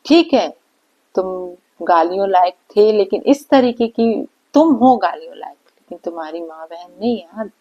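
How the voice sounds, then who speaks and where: A woman's voice: medium pitch, animated, normal speed, breathy edge, dull audio. A woman vlogger giving a reaction commentary, scolding and indignant, firing off rhetorical questions. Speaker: vlogger reacting to online drama.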